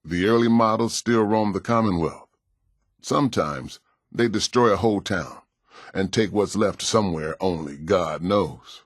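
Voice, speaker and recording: A male actor voices a kind, world-weary pastor in a video game, speaking in a gentle, folksy, plain American manner. His deep voice moves unhurriedly with a somber mood. The studio-quality recording has no echo.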